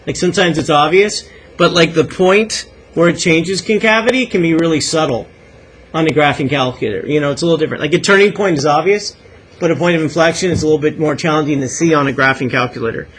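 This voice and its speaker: A man's voice: a little high, fast, fairly bright tone, slight background noise, low-quality recording. A man with a Canadian accent teaching a calculus class, encouraging and asking his students many questions. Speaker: math teacher. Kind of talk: classroom lecture.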